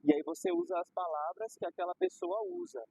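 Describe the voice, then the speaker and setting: Gravelly young Brazilian man, animated. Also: very high voice, brisk, no echo. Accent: Brazilian Portuguese. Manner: animated, slangy, explains with everyday examples. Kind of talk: casual conversation. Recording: dull lo-fi recording.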